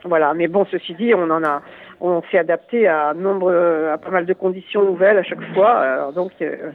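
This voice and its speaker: A man from Lyon speaking as a guest on a radio show over a phone line, halting and full of fillers. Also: high voice. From Lyon area, France. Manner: hesitant, halting, many fillers and restarts. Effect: heard over a phone line.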